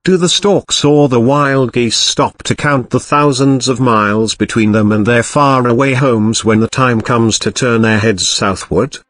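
A man reading an audiobook aloud in a measured, old-fashioned storytelling manner. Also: mid-range voice, fairly bright tone, no echo. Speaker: audiobook narrator. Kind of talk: scripted audiobook narration.

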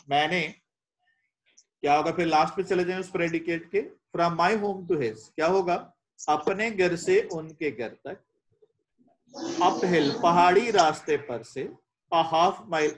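A middle-aged man from Pakistan giving an English lecture in Urdu, quizzing students and translating line by line. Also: on the high side. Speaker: English teacher.

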